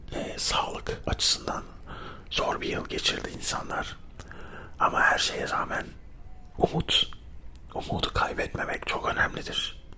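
A man narrates a travel vlog in a hushed ASMR whisper. He explains things in a reflective, unhurried manner, all breath and very little voice. He comes from Turkey and talks as if guiding the listener around. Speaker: vlogger.

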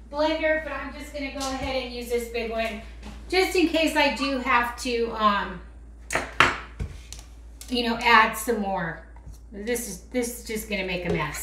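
A woman's voice: a little high, very noisy. A woman vlogger chatting casually while making a craft, rambling and teasing herself as she goes. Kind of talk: casual how-to chat. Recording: roomy echo with faint clicks.

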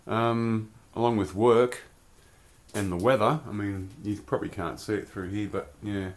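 A man's voice: on the low side, fairly even intonation, moderate pace. A man casually reviewing a collectible toy in a rambling, chatty vlog from his home beer cellar. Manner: chatty, rambling, loose slang.

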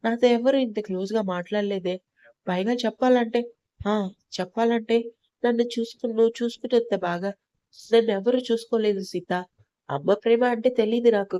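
A woman's voice: medium pitch, a little fast, dark tone, no room sound, lo-fi sound, natural voice. A woman voicing a young husband in an audio love story, teasing his wife with playful scolding. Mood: tearful.

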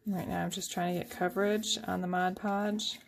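A woman's voice: fairly low pitch, little pitch movement, normal speed, gravelly, slight background noise. A woman in her thirties hosting a casual, rambling craft tutorial at home, often joking about herself. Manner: chatty, rambling and self-deprecating. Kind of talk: casual step-by-step craft demonstration.

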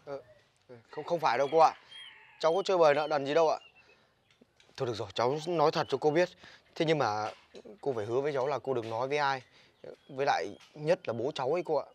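A man's voice: medium pitch, fast talker, close to an everyday voice. A man with a Northern Vietnamese accent playing an exasperated older brother who scolds his little sister in a village comedy sketch. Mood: pleading. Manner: scolding, exasperated, loud complaining.

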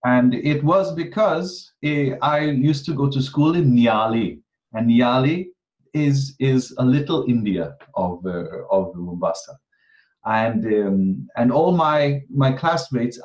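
A Kenyan man in his thirties, a guest astrology teacher, talks casually in an interview over a video call from a room at home, hesitating with frequent ums and restarts. His voice is mid-range with a darkish tone, and the webcam audio sounds dull.

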